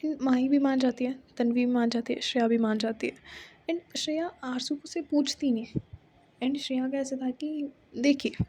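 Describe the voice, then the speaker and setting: A woman's voice: high voice, steady tone, normal speed, dark tone, slight background noise. A young woman telling a love story in a chatty, casual way, dropping in English filler words.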